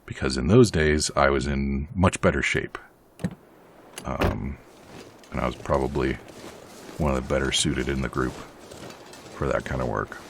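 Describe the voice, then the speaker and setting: A man with a very deep, gravelly voice chats his way through a survival game as host of his own let's play. He rambles and pokes fun at himself as he plays. A faint hiss sits under the recording. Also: steady tone, unhurried, long pauses. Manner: chatty, rambling, self-deprecating. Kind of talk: casual game commentary.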